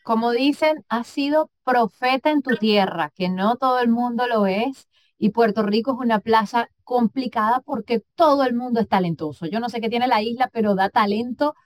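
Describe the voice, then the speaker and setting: A woman's voice: on the high side, normal speed, no echo. A woman interviewing a guest, asking questions in an upbeat, complimentary way.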